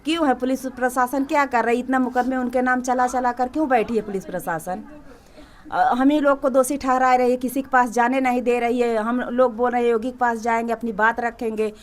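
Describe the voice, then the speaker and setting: A woman's voice: on the high side, fairly even intonation, brisk. A woman with an eastern Uttar Pradesh accent, a grieving family member, describing what happened and pleading for justice in an interview. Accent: Bhojpuri-Awadhi eastern Uttar Pradesh. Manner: grieving, wailing lament then earnest complaint. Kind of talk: interview about a local crime case.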